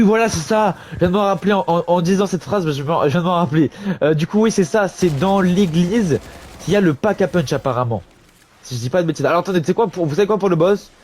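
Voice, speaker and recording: Excitable young gamer man. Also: on the high side, slight background noise. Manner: excitable, slangy, talks to viewers, sudden yelps. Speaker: gamer streamer. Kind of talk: casual gameplay commentary.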